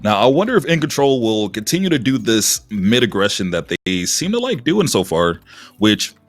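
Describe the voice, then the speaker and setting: A man doing live esports commentary as a caster, lively and husky, with casual asides. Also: fairly low pitch, moderate pace. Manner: animated esports caster delivery. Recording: music behind the voice. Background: music.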